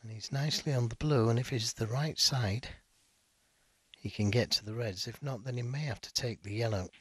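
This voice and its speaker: Hushed, husky male snooker commentator. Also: medium pitch. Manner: measured, analytical, understated.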